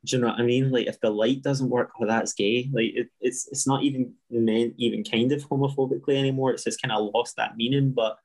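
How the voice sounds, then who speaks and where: A man's voice: mid-range voice, fairly even intonation, brisk, few pauses, a little mellow, rough recording. A young Scottish man, a teacher, talking frankly and with self-deprecating humour as an interview guest, often restarting his sentences. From Scotland. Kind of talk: casual interview talk.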